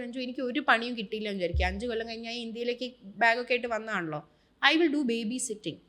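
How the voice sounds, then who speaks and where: A woman from Kerala with a Malayali accent, speaking as a guest on a casual podcast. She is animated and emphatic, moving freely between Malayalam and English. Her voice sits slightly higher than most women's. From Kerala, India.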